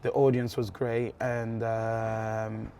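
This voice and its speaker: Man, flat mellow speech. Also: on the low side, slow pace, a little hiss or hum. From Italy. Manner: relaxed, steady, with frequent ums. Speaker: dance school director. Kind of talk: talking to camera about his career.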